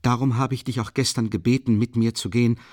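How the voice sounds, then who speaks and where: A man's voice: mid-range voice, steady tone, quick pace, a little mellow, dry recording, voice pushed up, lightly acted. Tormented young man, read by a male narrator, agitated and bitterly mocking; dry close audiobook sound. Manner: agitated, musing half aloud, bitter mockery.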